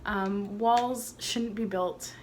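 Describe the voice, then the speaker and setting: A young adult woman vlogging from home, gushing and excitable as she unboxes and shows art. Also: mid-range voice, very slow, a little hiss or hum. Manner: gushing, excitable, breathy exclamations. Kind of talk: casual home vlog, unboxing. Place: at home, indoors.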